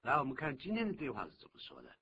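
Lively man teaching English on the radio. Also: medium pitch, very fast. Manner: lively, explains patiently, asks the listener questions. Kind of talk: bilingual radio English lesson. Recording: dull, noisy old radio recording.

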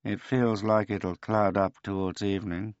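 A man's voice: fairly low pitch, little pitch movement, clean tone, no echo, dull audio, pitched above the performer's own voice, close to an everyday voice. Man voicing a weary old tomcat. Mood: dry. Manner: dry, unhurried, noncommittal.

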